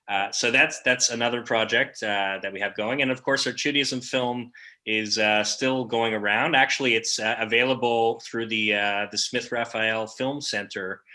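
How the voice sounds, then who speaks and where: Low, bright-toned man rambling with fillers. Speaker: comedy series co-creator, guest. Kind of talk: casual panel chat.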